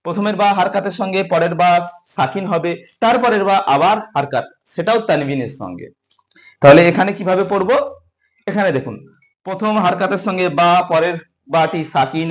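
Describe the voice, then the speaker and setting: A man with a Bengali accent teaching Quran reading, slowly spelling out Arabic letters and repeating syllables for learners. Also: high voice. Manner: slow, patient drilling with repeated syllables.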